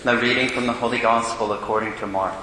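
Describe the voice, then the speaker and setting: Priest with booming cathedral echo. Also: male voice, steady tone. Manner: measured, solemn delivery. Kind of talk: gospel reading and homily. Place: large church. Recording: long echoey church reverb, faint hiss.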